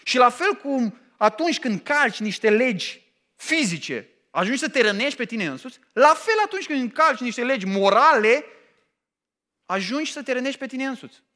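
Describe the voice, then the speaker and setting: A middle-aged man preaching a sermon, emphatic and animated, often pausing to ask his listeners questions. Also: very high-pitched. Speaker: pastor.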